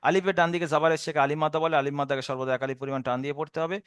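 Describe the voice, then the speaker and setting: A man teaching a Quran reading lesson. He draws out the Arabic syllables slowly, then explains the rules quickly, with a Bengali accent. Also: on the high side, fairly even intonation, fairly bright tone, clean tone, no room sound, studio quality. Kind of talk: spelling out Arabic letters in a recorded lesson.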